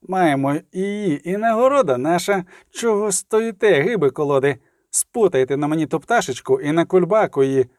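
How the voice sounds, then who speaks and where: A man voicing a brutal male bandit leader who barks contemptuous shouts in a raised voice for an audiobook. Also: on the high side, animated, a little fast, no echo, studio quality, close to an everyday voice. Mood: commanding.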